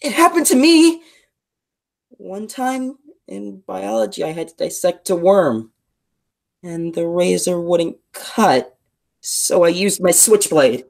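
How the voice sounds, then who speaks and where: A woman's voice: lowish voice, expressive, slow, a little mellow, heavily acted. A woman playing a sensitive, thoughtful teenage greaser boy in a school play, with an earnest, reflective delivery. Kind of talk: school play read remotely.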